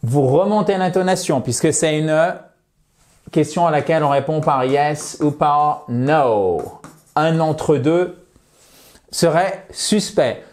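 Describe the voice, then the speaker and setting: A man teaching English in a video lesson, saying English phrases slowly and clearly and explaining their pronunciation. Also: on the high side, darkish tone.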